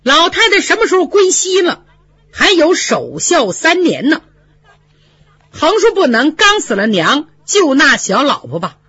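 A storyteller voicing a proud, defiant young maidservant who speaks in an indignant, sharp-tongued way. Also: high-pitched, huge pitch swings, unhurried, voice pushed up, exaggerated voice. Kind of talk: storytelling with voiced characters. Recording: dry, slightly dull lo-fi recording.

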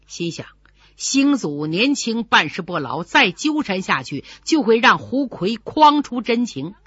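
Woman doing a traditional story, dramatic, does the sound effects herself, bright lively voice, dull lo-fi sound. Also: on the high side, measured pace, breathy edge, no room sound. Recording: dull lo-fi recording.

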